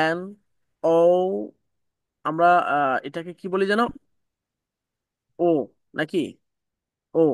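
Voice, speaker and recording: A man's voice: high voice, a bit bright, no echo. Patient male English tutor, dry sound. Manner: patient, repeats sounds slowly with fillers. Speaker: spoken English teacher. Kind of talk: online class teaching pronunciation. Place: online video call class.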